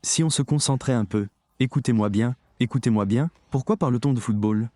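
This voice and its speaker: A man's voice: medium pitch, a little fast, warm tone, no echo. A man preaching a sermon, talking emphatically and straight to his audience. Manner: emphatic, addresses the audience directly.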